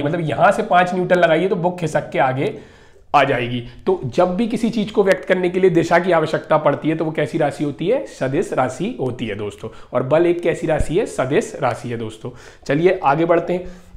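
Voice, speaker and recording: A male teacher giving a classroom lecture, explaining through everyday examples and asking his students repeated questions. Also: on the high side. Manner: calls his viewers "friends" often.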